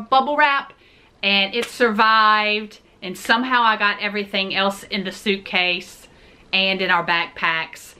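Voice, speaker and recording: Woman in her forties, vlog host, bright clear tone, middle pitch, chatty and playful, casual haul talk. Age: 40s. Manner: chatty, jokey, talks straight to viewers. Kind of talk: casual shopping haul chat.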